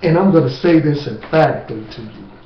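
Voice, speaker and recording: Guy lecturing slow and emphatic, kinda high voice, far off mic, dull faint hiss. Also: lively intonation, roomy sound. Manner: slow, emphatic, street-talk asides. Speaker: speaker on natural remedies. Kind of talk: informal lecture to camera.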